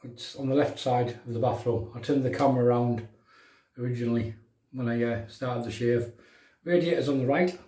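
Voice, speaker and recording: Mellow County Durham man, echoey bathroom. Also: mid-range voice, steady tone, normal speed. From County Durham, England. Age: middle-aged. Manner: matey, bantering. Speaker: livestream host of a shaving show. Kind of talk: casual live chat with viewers while demonstrating shaving. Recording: roomy bathroom echo, distant microphone.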